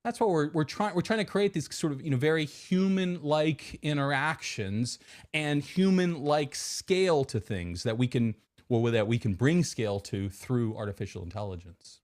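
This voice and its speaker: A tech executive in his forties, guesting on a podcast, answers casually in a slightly mellow, higher-pitched voice at normal speed. He repeats words and restarts often, and mockingly imitates hype voices.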